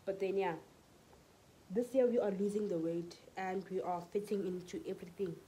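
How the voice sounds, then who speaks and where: This casual home vlog features a South African woman in her twenties, fluey and congested, talking to a phone camera at arm's length in her living room and bedroom. Her medium-pitched voice is dark and steady in tone, her pace moderate, and her manner chatty, with Setswana phrases mixed in. The recording is low quality and carries a little hiss or hum.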